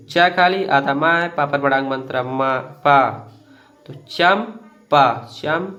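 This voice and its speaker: A man teaching beginners to read Hindi, patiently repeating each word slowly and addressing viewers as friends. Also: fairly high pitch, fairly bright tone.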